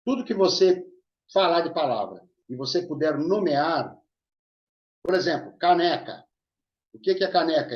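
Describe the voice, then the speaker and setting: A male teacher explaining grammar in an online lesson, checking in with his students as he goes. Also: fairly high pitch. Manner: explanatory, checks in with listeners often. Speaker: Portuguese teacher. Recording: echoey room, dull lo-fi sound.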